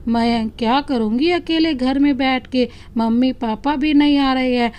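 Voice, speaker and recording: A woman voicing a tired but affectionate young wife who speaks gently and shyly, in a storybook reading. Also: sits high, a little slow. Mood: fond. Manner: gentle, shy.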